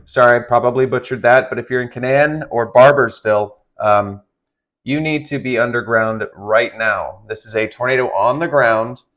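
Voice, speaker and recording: A man doing live severe weather commentary, halting and improvised, giving urgent and direct warnings to listeners. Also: mid-range voice, fairly bright tone. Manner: halting, improvised phrasing with repeated restarts. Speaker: live-stream weather broadcaster.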